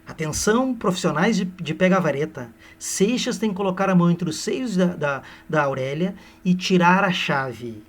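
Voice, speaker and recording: A man teaching literature by retelling a novel as a lively lecture, with humorous, playful asides to his listeners. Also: high-pitched, normal speed, hardly any pauses.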